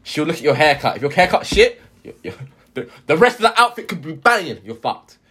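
A man's voice: a little high, very animated, a little fast, fairly bright tone, breathy edge. A man co-hosting a podcast, chatting casually in street slang and often repeating himself. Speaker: podcast co-host.

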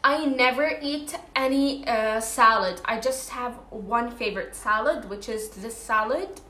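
A woman's voice: a little high, a little slow, sharp tone, roomy sound. A young woman chatting casually on her vlog while eating, full of fillers and restarts. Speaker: vlogger.

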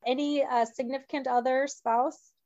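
Hosting a parenting podcast, a woman puts friendly interview questions to her guest, sometimes restarting mid-thought. Her voice sits high but is a little mellow, with a steady tone and moderate pace. The sound is dry, dull, and lo-fi, with no echo.

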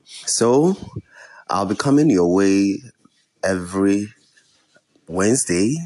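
Young man, West African accent, deep pitch, solo podcast host, measured and earnest delivery. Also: lively intonation, a little mellow, low-quality recording. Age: young adult. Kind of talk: introductory solo podcast talk.

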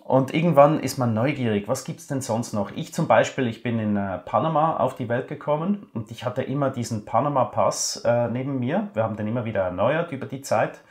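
A man, a guest in a podcast interview, telling his story at a relaxed pace with many hesitations. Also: medium pitch, a little fast, hardly any pauses. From Switzerland. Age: 40s. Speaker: guest, finance blogger.

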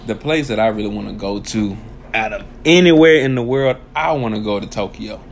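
A young man, co-hosting a casual podcast. He is animated, laughs often and jumps up into high exclamations. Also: a little fast, slight background noise. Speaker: podcast co-host. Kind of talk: casual chat.

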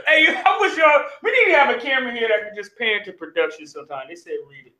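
A high, sharp-toned man trading crude jokes as a podcast co-host. He talks loudly, laughs often and swings all over his pitch. The banter stays casual and rowdy. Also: echoey room, rough recording.

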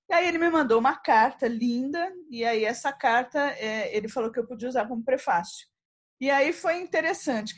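A woman, a poet telling stories as an interview guest, acting out dialogue with frequent laughter. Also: a little high. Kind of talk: animated storytelling in an interview.

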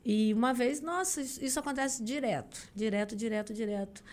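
A young Brazilian singer, guesting on a podcast, tells a story casually and with animation, acting out the voices of people she quotes. Her voice is on the high side and fairly quick.

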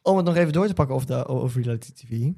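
Woman trading quick reactions in chat. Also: rumbling low, lively intonation, creaky, mellow. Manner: short reactive replies, laughs along. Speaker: podcast co-host. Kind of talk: casual chat.

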